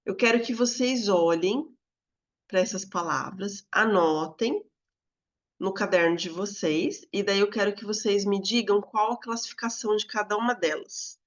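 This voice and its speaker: A woman with a Brazilian Portuguese accent teaching a recorded video lesson, speaking calmly and calling out words in a drawn-out sing-song to show stress. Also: mid-range voice, highs cut off.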